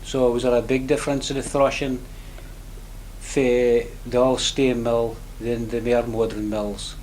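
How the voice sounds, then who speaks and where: A man's voice: medium pitch, flat delivery, unhurried, a little mellow, slight background noise, rough recording. A man with a broad Scottish accent interviewing casually, with murmured affirmations and short questions in dialect. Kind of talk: casual oral-history interview.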